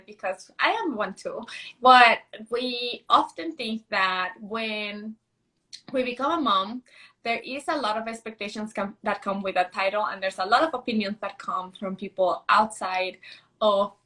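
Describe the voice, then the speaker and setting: A woman's voice: fairly high pitch, sharp tone, rough recording. Upbeat woman hosting a live stream. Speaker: host. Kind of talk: casual live-stream interview. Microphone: video call.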